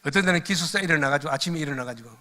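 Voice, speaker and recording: A man's voice: fairly high pitch, very fast. An older man, a missionary, giving a lecture full of personal stories that he tells with animation and laughs at along the way. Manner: animated storyteller who laughs at his own stories.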